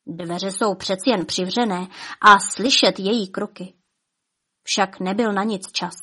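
A woman reads a fairy tale aloud in a rhythmic, theatrical way. Her phrases rise with tension and then sink to soft, hushed endings. Her pitch sits in an ordinary middle range. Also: fairly even intonation, husky. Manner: rhythmic, dramatic delivery with soft drops. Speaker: storyteller. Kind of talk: expressive fairy-tale reading.

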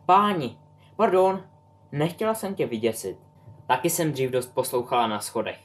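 A man's voice: medium pitch, very animated, a little hiss or hum, natural voice. A man voicing a young woman in her twenties, an eager, talkative and tactless witch. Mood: playful.

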